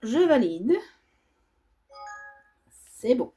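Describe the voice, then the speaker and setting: A woman's voice: fairly high pitch, very animated, extremely slow, warm tone, husky, faint music behind. A woman vlogger stitching as she talks, reading quiz options aloud and musing over them with hesitations. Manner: stitching while talking. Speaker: embroidery vlogger. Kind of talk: casual quiz while stitching.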